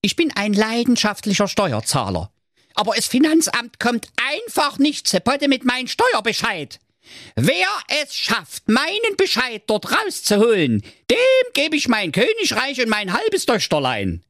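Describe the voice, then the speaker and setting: Brief: a squeaky, bossy little sausage king from a storybook. Very high, swooping voice, dry sound. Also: huge pitch swings, unhurried, fairly bright tone, no room sound, exaggerated voice. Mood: bossy, gleeful. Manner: brash, bossy, insulting. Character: pompous little fat sausage king, shrill.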